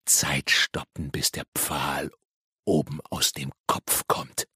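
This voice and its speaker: A man voicing a crazed, raving male junkie whose croaking voice cracks upward. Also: very deep voice, little pitch movement, takes it slowly, pushed and bright, no echo, studio quality, pitched below the performer's own voice, full character voice. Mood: eerie muttering.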